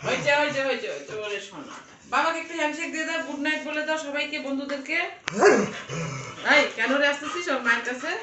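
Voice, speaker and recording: A woman's voice: high-pitched, fast talker. A woman filming a home vlog at night, chatting to viewers and coaxing her pet dogs in affectionate baby talk. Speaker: dog-owner vlogger. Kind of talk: casual home vlog narration. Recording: echoey room from a distance, faint hiss.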